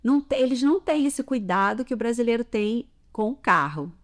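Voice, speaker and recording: A woman's voice: fairly high pitch, expressive, a little fast. A Brazilian woman with a Brazilian Portuguese accent, giving a chatty podcast lesson on everyday customs and often checking in with "tá?". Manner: chatty, explains with examples, frequent "tá?" check-ins. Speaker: language teacher.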